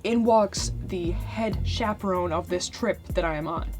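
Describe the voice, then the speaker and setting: A woman's voice: on the low side, unhurried, lightly acted. Woman as cocky young space rogue, rambling, self-mocking comic tale, music bed. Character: boastful, carefree young male space adventurer. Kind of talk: comic monologue storytelling. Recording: music playing underneath.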